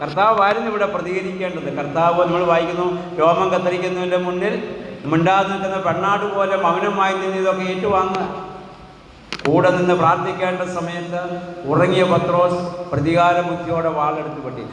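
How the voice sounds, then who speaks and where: A priest preaches in a fairly high voice, firing questions at his listeners and pressing them for answers. His voice rings through a large, very echoey church hall with a long reverb tail. Faint background noise sits under the speech. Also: level tone, a little fast, fairly bright tone. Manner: rhetorical, asks congregation questions. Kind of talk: sermon.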